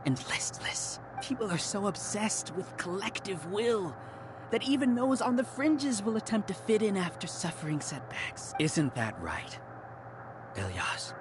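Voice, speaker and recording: An arrogant, theatrical villain scholar, swooping delivery. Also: male voice, high-pitched, big pitch swings, measured pace, noisy background. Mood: smug lecturing. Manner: theatrical, condescending, grandiose monologuing. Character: arrogant male villain researcher, leader of a hive mind. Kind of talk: scripted video game villain acting.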